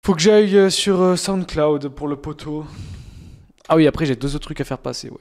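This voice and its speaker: A man's voice: on the high side, normal speed, darkish tone. A young man streaming, reacting to fan-sent rap songs in casual, slangy talk with mocking, exaggerated complaints.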